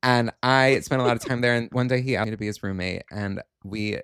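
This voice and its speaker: A man's voice: medium pitch, a bit bright, clean tone. A young man co-hosting a podcast, telling long, rambling stories in casual chat. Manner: chatty storyteller, drawn-out anecdotes, laughs often. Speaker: podcast co-host.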